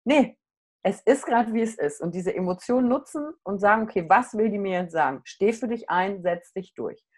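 A middle-aged woman, a coach, telling a personal story in casual conversation, candid and animated. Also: mid-range voice, a little fast.

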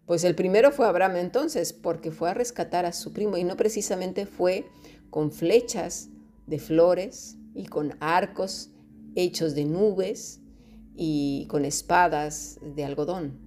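Female preacher, low mellow voice, direct and teasing, soft music under. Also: takes it slowly. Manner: addresses listeners directly, mocks fearful voices. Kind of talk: sermon.

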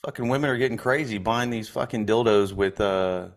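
A man co-hosting a casual sports podcast, blunt and profane, delivering crude jokes flatly. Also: on the low side, fairly quick. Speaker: podcast co-host.

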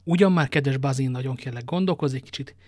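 Brief: a man voicing a dashing young musketeer, playful and quick-witted, in a dry storybook read. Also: medium pitch, darkish tone, no room sound, close to an everyday voice. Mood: bantering. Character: young dashing male musketeer, bold and teasing.

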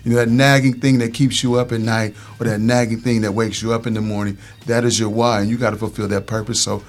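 A man's voice: lowish voice, little pitch movement, fast talker. A man speaking as an entrepreneur guest in casual motivational talk, leaning on catchphrases and repeated phrases.

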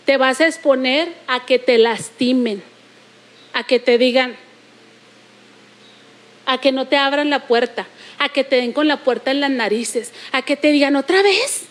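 A Mexican woman delivers a sermon in a high, bright voice. She presses her points by repeating phrases and drawing out key words slowly. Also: steady tone. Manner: emphatic repetition, slowing to stress points. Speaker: preacher.

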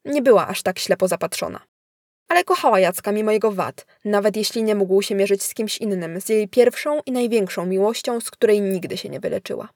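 A woman narrating a thriller with a steady, measured delivery at a middle pitch. The recording is close-miked and completely dry. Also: no room sound. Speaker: audiobook narrator. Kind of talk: scripted narration of a thriller story.

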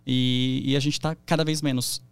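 A man's voice: mid-range voice, flat delivery, moderate pace, clean tone, dry recording. A young adult man with a Brazilian Portuguese accent, chatting as a podcast guest and telling stories with lots of fillers and restarts. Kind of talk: casual interview chat.

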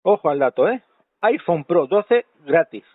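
A man's voice: a little high, lively intonation, unhurried, no room sound. A man playing a rambling, self-important, self-pitying fake doctor on a prank phone call, heard over a tinny phone line.

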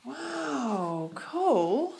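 A woman's voice: sits high, big pitch swings, extremely slow, vocal fry, a little mellow. A woman with a New Zealand accent giving casual spoken commentary as she explores, often exclaiming in wonder. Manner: marvelling, exclamatory.

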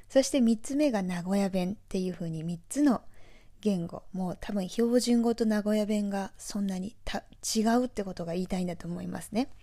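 A woman from Aichi with a Nagoya accent, hosting a podcast in a chatty, relaxed monologue with friendly asides. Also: mid-range voice. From Aichi, Japan. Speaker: podcast host.

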